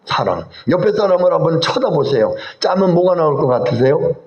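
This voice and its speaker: Male pastor preaching, high lively voice, keeps asking the congregation stuff, echoey church, kinda muffled. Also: fairly quick. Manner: animated, asks the congregation questions. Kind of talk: sermon. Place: church sanctuary.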